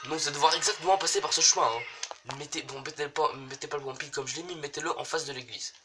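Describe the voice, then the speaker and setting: A man's voice: on the high side, fast. A man hosting a gaming video, talking through gameplay in a rambling, hesitant way and swearing often. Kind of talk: casual gameplay commentary. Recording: noisy home recording.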